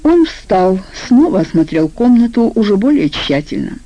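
A woman narrating an audiobook in a steady, even storytelling voice. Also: mid-range voice, normal speed, no echo, muffled recording. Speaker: audiobook reader.

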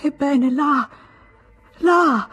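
A woman voicing a desperate young wife poisoning herself, hushed and feverish with anguished cries. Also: medium pitch, normal speed, husky, soft background music.

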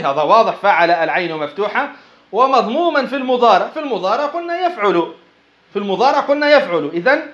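A man's voice: high-pitched, fairly bright tone. A male scholar teaching a lesson and explaining a text, who keeps asking rhetorical questions and answering them himself, often repeating and restarting words. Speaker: Islamic scholar teaching Arabic morphology. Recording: echoey, dull lo-fi sound.

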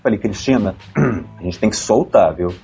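Lively animated man telling dubbing stories. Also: on the low side, normal speed, husky, lo-fi sound. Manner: animated storyteller, acts out voices and laughs often. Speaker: voice actor and dubbing director. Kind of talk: casual podcast chat.

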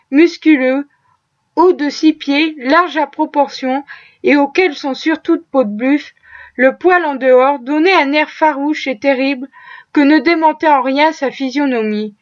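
High-voiced woman reading a novel. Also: a little slow, dull audio. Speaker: audiobook reader. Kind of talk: reading a classic novel aloud.

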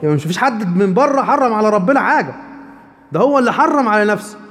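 Egyptian-accented religious teacher, fast and a little high, lecture hall echo. Keeps checking the room with rhetorical questions. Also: male voice, lively intonation, a bit bright. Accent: Egyptian Arabic. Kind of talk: explaining hadith to a class.

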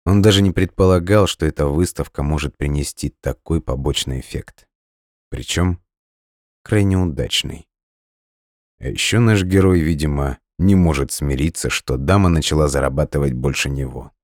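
A man reading a novel aloud as audiobook narrator, in a steady, even storytelling manner. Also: extremely low pitch, moderate pace, dry recording, clean studio sound. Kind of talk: scripted narration.

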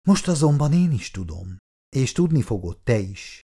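A fragile, unstable wife read by a man who confides secrets in a hushed, low voice. The tone is dark and gravelly. It is a quiet storybook performance. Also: sing-song. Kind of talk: audiobook character reading.

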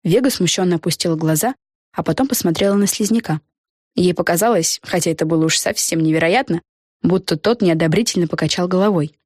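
A woman narrating a children's storybook in an expressive, measured way. Her voice is lowish and a little husky. The recording is close and dry. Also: no echo. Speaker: audiobook narrator.

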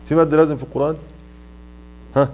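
A man's voice: on the high side, steady tone, fast talker, highs cut off, slight background noise. A man with an Egyptian Arabic accent teaching a tajweed lesson in a mosque, stretching out his examples and quizzing students. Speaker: Quran recitation teacher. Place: mosque classroom.

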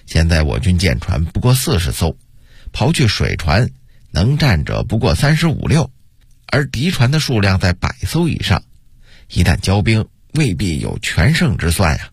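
A man's voice: sits low, huge pitch swings, normal speed, gravelly, breathy edge, no room sound, studio quality, voice pushed down, exaggerated voice. A male storyteller voicing a cautious, deferential deputy officer who pleads humbly and hesitantly with his commander.

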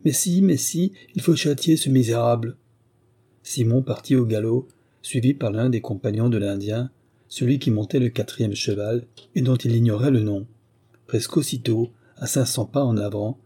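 A man's voice: medium pitch, mellow, slightly rough. A man reading a classic adventure novel aloud as an audiobook narrator, telling it steadily and raising his voice for the characters' exclamations.

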